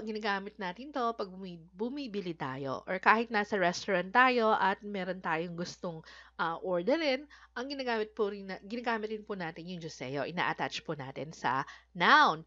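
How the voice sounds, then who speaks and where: A woman's voice: mid-range voice, lively intonation, moderate pace, fairly bright tone, dull audio. A woman from the Philippines teaching a language lesson, patiently repeating each word and speaking politely. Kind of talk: Korean vocabulary lesson in Filipino.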